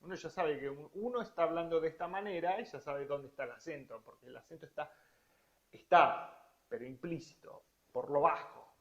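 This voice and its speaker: A man's voice: fairly high pitch, brisk, muffled recording. A man with a Rioplatense Spanish accent teaching a beginner piano lesson, explaining rhythms and counting beats aloud, sometimes stretching out words for emphasis. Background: piano playing.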